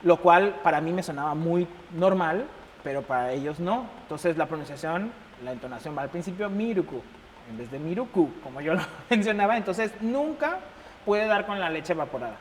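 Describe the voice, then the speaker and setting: A young Mexican man with a Mexican accent, chatting casually as an interview guest and telling stories with lively acted-out dialogue. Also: a little high, a little fast. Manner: animated, acts out quoted dialogue, laughs often. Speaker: embassy chef, interview guest. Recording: reverberant room with faint noise.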